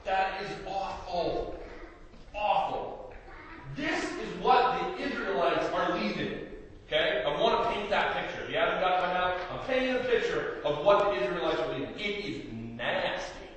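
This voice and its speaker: High-voiced joking preacher from Appalachia. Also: male voice, expressive, moderate pace, a little hiss or hum. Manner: big loud voice; jokey, self-mocking asides. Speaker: guest preacher and youth speaker. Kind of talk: sermon. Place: church hall, large room. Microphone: no microphone, picked up from a distance. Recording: echoey hall from far off.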